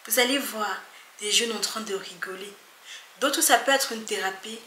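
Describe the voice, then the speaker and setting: A woman vlogger talks earnestly to her viewers, emphatic and often hushed. Her voice is bright and clear, and the room around it is echoey. A faint noise sits behind her. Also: medium pitch, normal speed. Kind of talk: earnest talk to camera.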